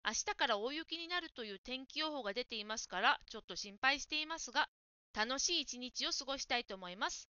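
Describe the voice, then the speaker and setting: A woman tutoring in Japanese, giving patient spoken feedback to a student and slowly modelling the right pronunciation. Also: high voice, animated, clear, resonant tone, dry recording, highs cut off. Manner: gentle, patient, slows down to model words.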